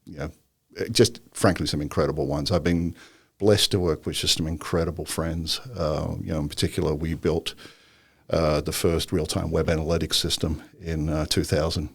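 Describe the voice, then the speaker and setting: Deep gravelly man, rambling talk. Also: steady tone, moderate pace, no echo. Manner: rambling, filler-heavy, joking. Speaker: guest entrepreneur. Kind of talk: casual interview chat.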